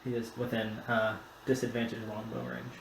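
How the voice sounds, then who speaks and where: A man acting as game master at a tabletop session, relaxed and often pausing on fillers. His voice sits at an ordinary pitch and carries a noticeable room echo, with faint ambient noise behind it. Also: gravelly.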